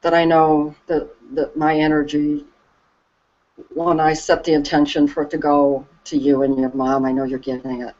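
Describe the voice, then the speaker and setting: A woman talking slowly and reflectively about her calm as a Reiki practitioner, soft and hesitant with many pauses and restarts. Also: low voice. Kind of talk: slow reflective conversation. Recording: dull lo-fi recording.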